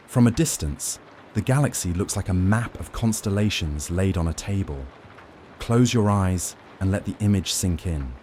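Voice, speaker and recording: A man giving a slow, soothing scripted bedtime narration in a gentle, measured, lulling manner. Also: deep voice, slight background noise. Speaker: narrator of bedtime lore stories.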